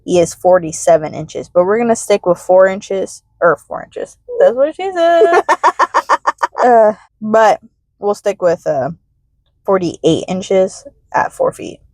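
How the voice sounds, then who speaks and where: Young woman co-host, rowdy and jokey, swooping pitch, unhurried delivery, dry close sound. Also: sing-song, no room sound. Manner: loud, joking, bursts into laughter and shrieks. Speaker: podcast co-host. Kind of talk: casual chat.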